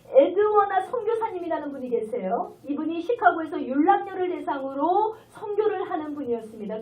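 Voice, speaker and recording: A woman guest pastor preaching an animated revival sermon, emotional as she tells a story and acts out its voices, heard on a distant, tinny recording. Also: sits high.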